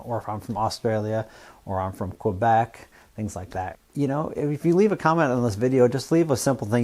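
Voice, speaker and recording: Man from the US Northwest, lowish voice, relaxed, rambling, casual talk to camera. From Washington State, US Northwest. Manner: relaxed, rambling, plain-spoken. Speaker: YouTube fabrication channel host.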